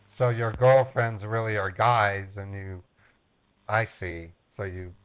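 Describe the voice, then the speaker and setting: A man with a fairly low voice, recorded dry, chats casually as a caller. His delivery is halting and plain, with repeated starts and a naive air. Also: steady tone, clean tone, no room sound, rough recording. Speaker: prank caller baiting a phone scammer. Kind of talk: casual phone chat.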